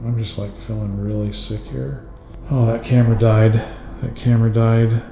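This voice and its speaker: A man's voice: lowish voice, little pitch movement, moderate pace, creaky, soft background music. A man investigating the paranormal, firmly questioning a spirit aloud inside an abandoned hospital. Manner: firm, probing questions. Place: abandoned hospital floor, indoors. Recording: roomy, dull-sounding hall recording.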